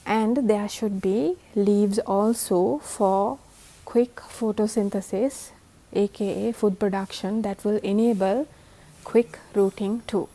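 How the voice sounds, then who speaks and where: A Sri woman talks through plant propagation as host of a home gardening tutorial. Her voice is tired and mellow, and she takes her time with each step. She explains slowly and patiently. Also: mid-range voice, fairly even intonation. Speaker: host of a plant-growing channel.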